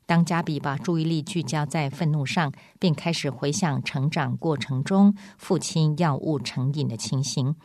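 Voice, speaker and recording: Low-voiced woman reading calmly. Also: moderate pace, few pauses, no room sound, studio quality. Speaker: narrator.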